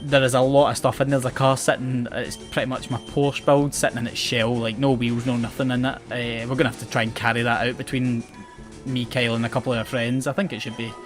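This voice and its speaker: Talking fast in a level, mid-range voice, a young gaming channel host with a west coast Scottish accent chats casually about the game he's playing and about his life. He's rambling and self-mocking, frequently restarting words and laughing. Faint game music plays in the background.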